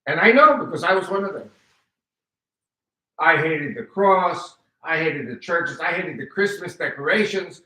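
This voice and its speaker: An older American man in his seventies, a native Spanish speaker, delivers an animated testimony to a live audience as a guest speaker. His bright, forceful voice sits on the high side and moves unhurriedly as he acts out quoted exchanges. The recording is distant, in a large, echoing hall.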